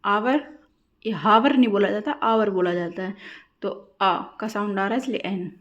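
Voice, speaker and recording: A woman teaching an English grammar lesson for exam students, asking questions and answering them herself, repeating key words slowly. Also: medium pitch, lo-fi sound. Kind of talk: classroom-style lesson explaining grammar.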